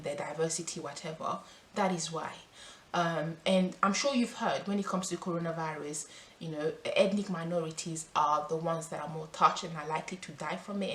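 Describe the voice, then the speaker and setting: A woman's voice: fairly low pitch, fairly bright tone. A woman from France talking earnestly to camera as a vlogger, reading statistics and then speaking freely. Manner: earnest and emphatic, with restarts when speaking freely. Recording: roomy sound with faint background noise.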